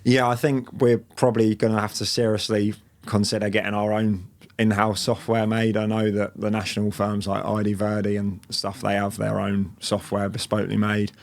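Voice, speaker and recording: Relaxed and rambling, a business owner in his late twenties chats as an interview guest, full of fillers and restarts. His fairly low voice is creaky, and he keeps a moderate pace with hardly any pauses.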